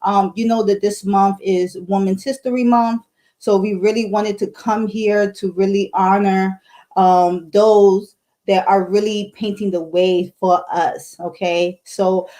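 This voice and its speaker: A woman's voice: mid-range voice, steady tone, a little slow, warm tone, poor audio. A woman hosting a livestream interview over a video call, upbeat and fond of asking "right?" and "okay?". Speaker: livestream host. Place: indoors at home. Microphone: earphone mic on video call.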